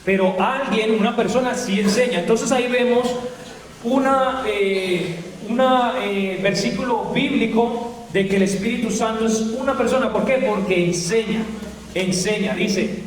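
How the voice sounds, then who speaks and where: A man's voice: sits high, measured pace. A man preaching a Bible doctrine lesson to a church, asking the congregation questions and answering them himself. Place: church hall. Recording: echoey hall, mic far off.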